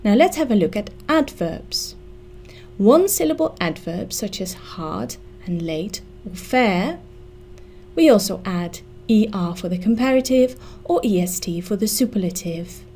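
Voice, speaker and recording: A woman giving a scripted English grammar lesson, spelling out letters slowly and carefully. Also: medium pitch, lively intonation, warm tone, a little hiss or hum.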